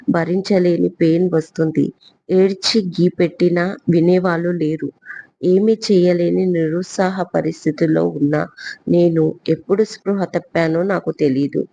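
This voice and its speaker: Woman narrator doing a bold young heroine: lowish, gravelly, teasing tone. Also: fairly even intonation, moderate pace, warm tone. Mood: sorrowful. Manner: teasing, spirited.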